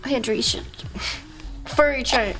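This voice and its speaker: A woman hosting a casual livestream, chatting with viewers in a rambling, halting, slangy way with frequent self-interruptions and swearing. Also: fairly high pitch, vocal fry, a bit bright, soft background music, low-quality recording. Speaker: livestream host.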